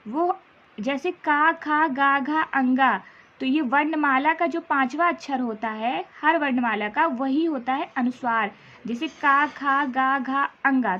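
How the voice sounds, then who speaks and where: A woman's voice: sits high, fairly bright tone, highs cut off. A woman teacher patiently explaining a school lesson, repeating and sounding out each syllable for young pupils.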